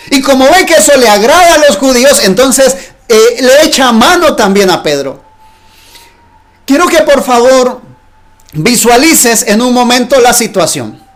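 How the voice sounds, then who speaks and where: A man's voice: very high-pitched, fairly bright tone. A man preaching a sermon, emphatic, asking his listeners rhetorical questions.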